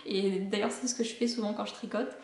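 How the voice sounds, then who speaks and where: A knitting podcast host and pattern designer casually talks about shows she recommends, hesitating often. Her mid-range voice is gravelly and a little mellow, fairly even in intonation and a bit fast, with a roomy sound.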